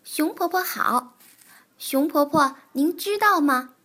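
A woman's voice: high voice, lively intonation, slow pace, sharp tone, pitched above the performer's own voice, full character voice. A woman voicing a playful, teasing young male frog in a children's storybook, with a raised, bouncy voice. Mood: bickering. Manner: playful, teasing, sing-song.

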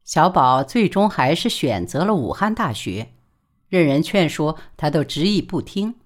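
A woman narrating a novel audiobook in an expressive, dramatic storytelling manner. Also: sits low, a little slow.

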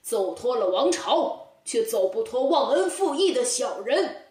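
A man's voice: extremely high pitch, sing-song, a little slow, darkish tone, reverberant, distant mic, exaggerated voice. A woman voicing a stern, upright old male judge in a children's storybook tale, speaking with commanding force.

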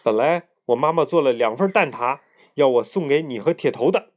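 A chatty, boastful schoolboy in a children's storybook, his voice lifted high and bouncy. A man acts him out with a bright, childish lilt. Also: sing-song, moderate pace, muffled recording. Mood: indignant.

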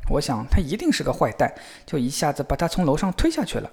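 A man voicing a naive, fearless young man who talks loudly and eagerly. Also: on the high side, wildly swooping pitch, fast talker, vocal fry, heavily acted. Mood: protesting. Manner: loud, shouting and eager.

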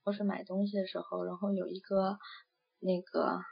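A woman's voice: mid-range voice, flat delivery, moderate pace, gravelly. A young woman from China chatting casually and rambling, with many fillers and restarts. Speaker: interviewee. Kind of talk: casual chat. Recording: dull lo-fi audio with faint music.

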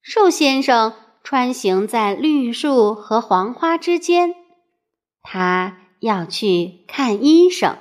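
Lively, high-voiced woman reading a storybook. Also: slow pace. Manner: expressive, with playful questions to the listener.

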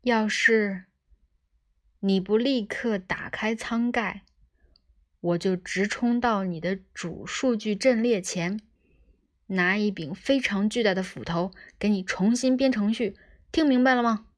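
A woman reading the lines of a brash, impatient two-headed male space rogue, blunt and loud. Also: medium pitch, moderate pace, close to an everyday voice.

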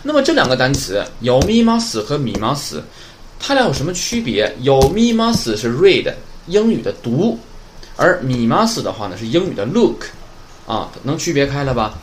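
A man's voice: medium pitch, very animated, moderate pace, slight background noise. A man who is a native Chinese speaker, teaching a Japanese grammar lesson in Chinese, often checking with his students. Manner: explains in Chinese, quoting Japanese words and sentences; keeps checking with "对吧" and "哎".

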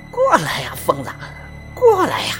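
Lady playing a possessed guy talking like a little kid, super high and squeaky, wild swoops. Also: huge pitch swings, a little slow, fairly bright tone, heavily acted. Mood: coaxing. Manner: whiny childlike pleading, shrill. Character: possessed young man Douyazai, childish and shrill. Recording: faint music behind.

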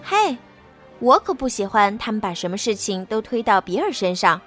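A woman voicing a spirited, curious young girl who thinks aloud and now and then shouts back. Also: medium pitch, very animated, normal speed, soft background music. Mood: musing. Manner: wondering to herself, sometimes crying out. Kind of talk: storybook reading.

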